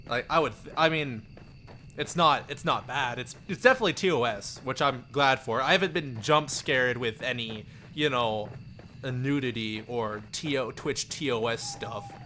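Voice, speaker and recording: Speaking at a moderate pace in a sharp, medium-pitched voice, a man hosts a casual live stream with slight background noise. He rambles, chuckles frequently as he answers chat, and occasionally reads a story aloud.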